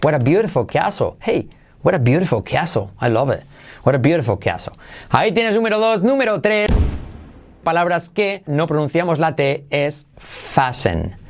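Guy teaching english pronunciation, kinda high voice, drills phrases over and over. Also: slight background noise. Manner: lively, repeats English phrases slowly for practice. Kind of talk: online English lesson in Spanish.

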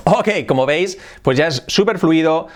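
A man with a Spanish accent gives a casual video lesson, moving between Spanish and English. He is lively and keeps a measured pace, with a voice on the higher side. He repeats words and tends to close phrases with "¿ok?".

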